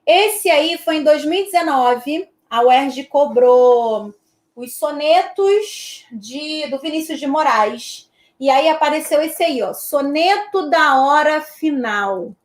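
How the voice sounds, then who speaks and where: A Brazilian woman teaches an online exam-prep class in a high voice with lively intonation, speaking slowly. She stays chatty, checking in with her students after almost every point, and the room around her echoes.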